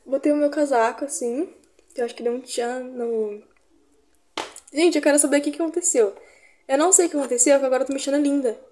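A woman's voice: high voice, fast talker, mellow. A young Brazilian woman with a Brazilian accent, chatting slangily to her viewers while she gets ready at home. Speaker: vlogger. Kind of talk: casual get-ready-with-me vlog.

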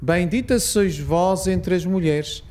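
Solemn rosary prayers are recited in a measured, reverent manner by a man with a European Portuguese accent. He has a high, darkish-toned voice.

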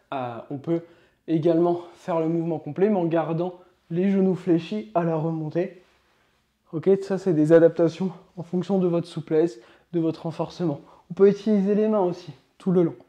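Man, yoga teacher, upbeat and coaching, mellow tone, slightly high voice. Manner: upbeat, coaching, counts slowly while demonstrating. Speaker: yoga instructor. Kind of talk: instructional demonstration.

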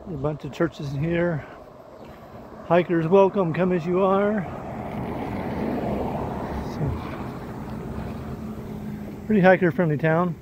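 A man in his forties vlogs casually from a wooded mountain trail as a thru-hiker, holding his phone at arm's length and chatting easily. The phone camera picks up his somewhat high voice, which is slow and full of pauses. The audio sounds dull, with a noisy background.

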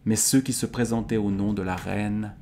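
A man's voice: on the low side, steady tone, moderate pace, darkish tone, slight background noise, close to an everyday voice. A wary, fearful royal sister, read by a man. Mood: cautious. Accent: Swiss French.

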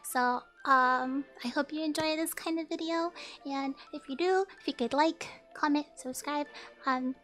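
A woman's voice: high-pitched, a little slow. A young woman chatting casually on a cooking livestream in a cute, girlish, giggly anime-streamer manner, speaking into a close mic. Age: young adult. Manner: giggly, expressive. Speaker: live streamer. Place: home kitchen, indoors. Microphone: close studio mic on a boom arm. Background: music.

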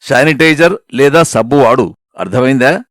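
A man's voice: mid-range voice, expressive, normal speed, fairly bright tone, no echo, lightly acted. Lecturing buddy full of free advice, read by a male narrator, dry sound. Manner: lecturing, know-it-all. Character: bossy advice-giving male friend on phone.

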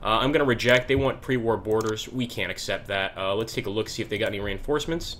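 Bright-voiced man narrating a strategy game. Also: lowish voice, quick pace, a little hiss or hum. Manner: chatty, thinking aloud while playing. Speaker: gaming channel host. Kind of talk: let's play commentary.

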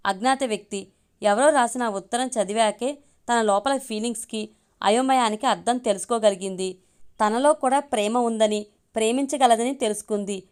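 A woman narrating a romance audio story, reading it aloud in a steady, even way. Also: on the high side, smooth.

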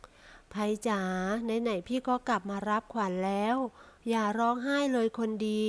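A woman's voice: on the high side, a little slow, close to an everyday voice. Woman reading as a teasing young husband. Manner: teasing, coaxing. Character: playful young husband teasing his wife.

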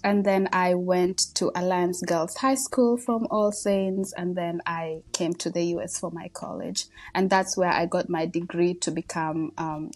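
Her voice sits on the low side, with fairly even intonation and an unhurried flow that has few pauses. She's a woman in her thirties with a Kenyan accent, guesting on a podcast and telling stories about her life in a casual interview. She comes across as warm and humble, chatty, full of fillers and laughter.

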